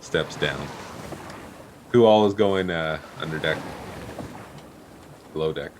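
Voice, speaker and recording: A man narrating a tabletop game as game master, in a halting, pausing way. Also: extremely low pitch, a little hiss or hum. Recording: faint sea and boat ambience behind.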